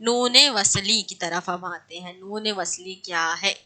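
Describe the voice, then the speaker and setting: A woman's voice: mid-range voice, slow pace, bright, forceful tone. A woman teaching an online class, asking her students questions and then answering them herself. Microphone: online class audio.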